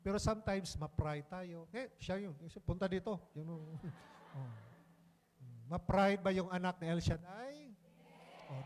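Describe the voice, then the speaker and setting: Filipino priest, high voice, chatty homily, long church reverb. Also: male voice. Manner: conversational, prompts congregation, mixes English phrases. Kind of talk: sermon.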